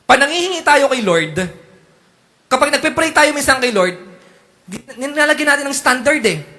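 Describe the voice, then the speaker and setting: Animated, bright-voiced preacher. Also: male voice, extremely high pitch, moderate pace. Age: 30s. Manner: animated, jokey preaching with mock prayers and sudden loud outbursts. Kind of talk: sermon.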